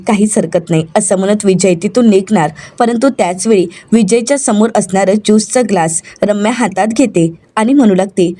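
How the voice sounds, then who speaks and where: A woman's voice: mid-range voice, darkish tone. A woman retelling a TV serial episode, narrating the scenes and reading the dialogue aloud. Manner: storytelling with acted dialogue.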